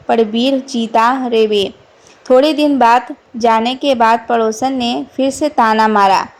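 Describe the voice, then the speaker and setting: A woman with a fairly high, gravelly voice narrates a devotional folk tale. She takes her time, reciting each line slowly and evenly like a traditional vrat story. Her voice has a noticeable rough fry. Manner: slow, even recitation of a festival vrat story.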